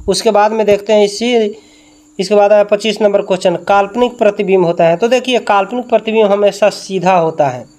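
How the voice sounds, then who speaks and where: A man's voice: high voice, darkish tone. A male tuition teacher going through exam questions, repeating each answer and quizzing with rhetorical questions.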